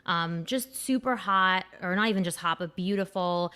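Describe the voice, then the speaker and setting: A woman's voice: on the low side, moderate pace, bright, forceful tone, clear, resonant tone. Candid, foul-mouthed young woman podcast host. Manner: candid, crude and rambling, with many fillers. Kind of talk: casual chat.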